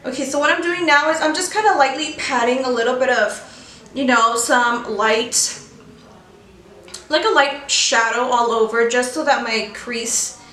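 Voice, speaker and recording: Bright, high-voiced young American woman. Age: young adult. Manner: informal, slangy, talking while chewing gum. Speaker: beauty vlogger. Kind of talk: casual chatty makeup tutorial. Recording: roomy echo, faint background noise.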